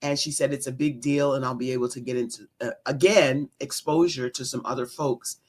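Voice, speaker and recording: A woman co-host chatting excitedly, gushing, her voice close to giving out. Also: very deep voice, fairly quick, breathy edge. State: nearly losing her voice. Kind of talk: excited conversational chat.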